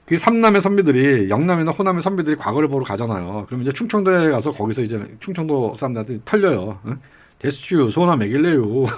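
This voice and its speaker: A middle-aged man giving casual political commentary, telling rambling anecdotes with chuckles along the way. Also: medium pitch. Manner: acts out regional dialect quotes.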